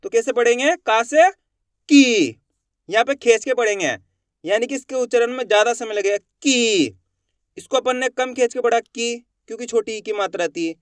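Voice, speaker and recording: A man with a very high, smooth, resonant voice teaches the Hindi alphabet in a classroom lesson. He asks questions and answers them himself, drawing out each vowel slowly and clearly. The recording is dry and close.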